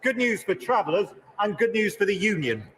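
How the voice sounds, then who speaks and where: A man's voice: high voice, lively intonation, brisk, fairly bright tone, big-room sound, a little hiss or hum, low-quality recording. A man, a government minister, giving a formal parliament speech in a debating chamber.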